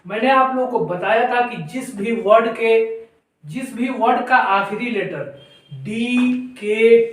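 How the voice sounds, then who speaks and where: A man teaching an English phonics lesson to his viewers. He spells each word out slowly, letter by letter, then asks his viewers what it is and answers himself. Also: sits high. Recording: very echoey room, voice from a distance.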